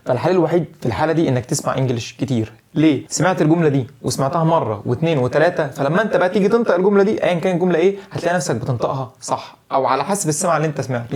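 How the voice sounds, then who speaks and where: Young Egyptian man, video lesson host, rapid-fire chatty delivery, voice sits a bit high. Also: darkish tone. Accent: Egyptian Arabic. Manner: direct, chatty advice to the viewer. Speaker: English-learning video host.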